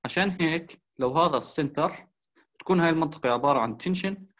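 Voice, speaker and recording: A man's voice: a little high, fast, fairly bright tone. A man with a Levantine Arabic accent gives a recorded engineering video lecture, explaining step by step, asking rhetorical questions and mixing in English technical terms. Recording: dull lo-fi recording.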